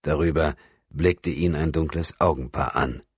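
Man, very deep voice, calm audiobook narration, dry close sound. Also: a little slow, husky, no echo. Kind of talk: scripted narration.

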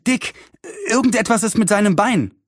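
A man doing an excited, breathless young girl. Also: sits high, normal speed, dry recording, clean studio sound, pitched above the performer's own voice. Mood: agitated. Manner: breathless, agitated.

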